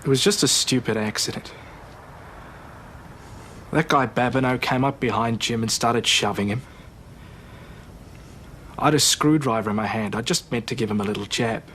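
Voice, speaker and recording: A man's voice: mid-range voice, normal speed, pauses often, fairly bright tone, a little hiss or hum, natural voice. An actor playing a guilt-ridden Australian man, earnest and confessional, in a naturalistic television drama. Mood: guilty, distressed.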